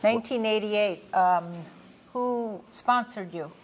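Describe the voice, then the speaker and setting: A woman interviewing a guest, asking short questions and answering with quick reactions. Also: mid-range voice, slight background noise. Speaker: interviewer, club president. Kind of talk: friendly interview host.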